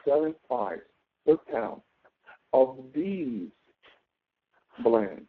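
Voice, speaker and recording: Very animated and drawing out his words, a man with a mid-range voice teaches an online class as a professor. He tutors informally, working through each step and asking "okay?" often, over audio that sounds thin, as if from a phone.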